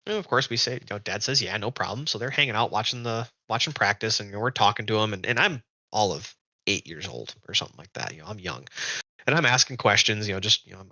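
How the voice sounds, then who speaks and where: A young adult man, a guest racer, telling long animated anecdotes in casual podcast chat, often restarting his sentences. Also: fairly low pitch, no room sound, muffled recording.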